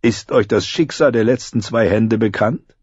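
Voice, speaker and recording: A man reading an audiobook, voicing a scheming courtier in a soft, insinuating way. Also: lowish voice, moderate pace, slightly rough, no echo, muffled recording. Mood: sly.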